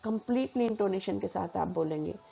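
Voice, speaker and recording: A woman teaching a personality development lesson, explaining in a measured way with spoken examples. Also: mid-range voice, creaky, warm tone, slightly rough, muffled recording, faint music behind.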